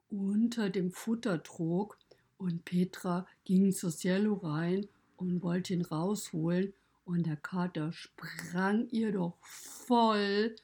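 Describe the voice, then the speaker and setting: A woman telling a children's story in the voice of a pony, lively and often dropping to a hush. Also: fairly low pitch, breathy edge.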